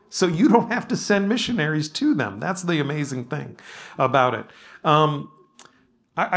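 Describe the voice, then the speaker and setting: A man whose voice is on the high side and fairly bright guides a workshop discussion as a pastor. In front of a live audience he talks casually and humbly, often restarting and filling gaps with ums.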